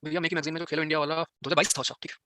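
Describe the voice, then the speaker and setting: Male teacher, very fast speech, bright sharp voice, dry close sound, teasing and scolding. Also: a little high, level tone, no echo. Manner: teasing, scolds students by turns. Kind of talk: live online exam-prep class.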